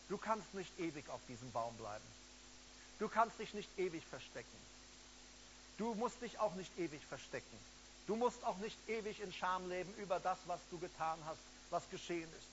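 A male preacher giving an altar call during a sermon, swinging between loud emphatic peaks and soft, intimate pleas. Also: high voice. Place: church service hall. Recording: dull lo-fi sound with faint hum.

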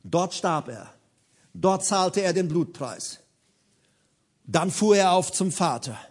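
A man's voice: sits high, expressive, slow. A man preaching a sermon, emphatic and repeating key phrases for effect.

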